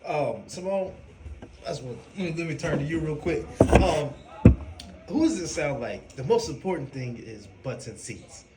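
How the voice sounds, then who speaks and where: A man's voice: on the high side, sing-song, moderate pace. A man hosting a casual podcast, moving things along with teasing banter. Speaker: podcast host. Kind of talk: casual chat. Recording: echoey room with noise.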